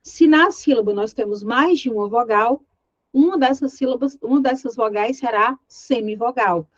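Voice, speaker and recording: A woman's voice: a little high, moderate pace, no echo, highs cut off. A woman with a Brazilian Portuguese accent teaching an exam-prep grammar lesson, explaining step by step and often checking in with her students. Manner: voices imagined student questions.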